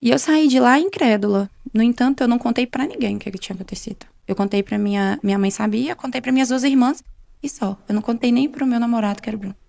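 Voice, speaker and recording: Speaking fast in a slightly high, gravelly, somewhat mellow voice, a young adult woman tells her testimony as a faith show guest. She retells what happened through many acted-out quoted exchanges, conversational in style, and the recording has no room sound.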